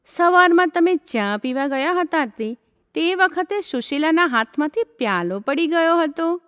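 A woman's voice: high-pitched, expressive, a little slow, fairly bright tone, long reverb tail. A woman reading aloud as a cheerful young bride in a story, light and chatty.

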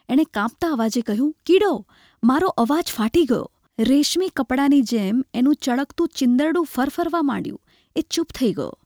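A woman reading a literary short story aloud in a measured, expressive way. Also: sits high, dry recording, studio quality. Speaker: narrator.

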